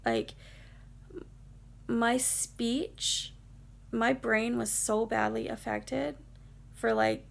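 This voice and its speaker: A woman's voice: fairly high pitch, fairly even intonation, very slow, creaky, pauses often. A woman vlogger telling a personal story in a casual, rambling, emotional way, with many fillers.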